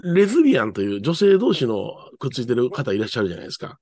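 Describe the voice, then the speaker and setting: A man's voice: medium pitch, huge pitch swings, racing, darkish tone, no echo, studio quality. A man with a Kansai accent talking casually as a co-host on a talk show. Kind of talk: casual chat.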